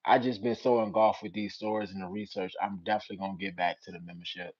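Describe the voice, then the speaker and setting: A young man with a Richmond, Virginia accent, hosting a casual live-stream chat with viewers. He uses street slang and breaks into loud teasing. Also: low-pitched, fairly even intonation, fast, muffled recording. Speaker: channel host.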